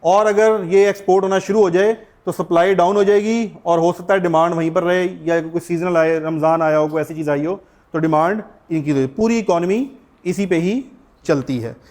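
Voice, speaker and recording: A man's voice: high voice, fairly even intonation, a little fast, darkish tone. A middle-aged man with a Pakistani accent teaching a class, explaining step by step and putting questions to his students. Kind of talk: classroom lecture.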